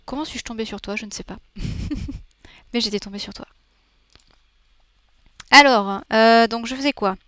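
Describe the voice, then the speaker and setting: A woman's voice: on the high side, a little slow, long pauses, a bit bright, no echo. A woman livestreaming while she draws, chatting with viewers and thinking aloud with playful little sound effects. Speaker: streamer. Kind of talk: casual livestream chat while drawing.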